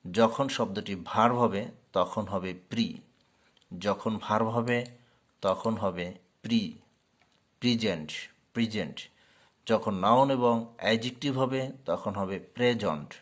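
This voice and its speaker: A man teaching English pronunciation, slowly and carefully repeating each word as a drill. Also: on the low side, fairly even intonation. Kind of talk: pronunciation lesson.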